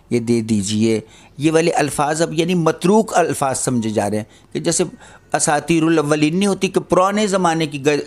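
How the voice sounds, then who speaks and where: An older man giving an earnest religious lecture, admonishing his listeners and posing rhetorical questions. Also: mid-range voice. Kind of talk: Islamic lecture on parenting.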